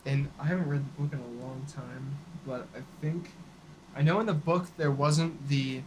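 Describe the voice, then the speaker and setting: Mid-voiced man, relaxed, over hiss. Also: medium pitch, moderate pace, poor audio. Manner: relaxed, explaining, trails off softly. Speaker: guest. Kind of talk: casual music chat. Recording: audible background hiss.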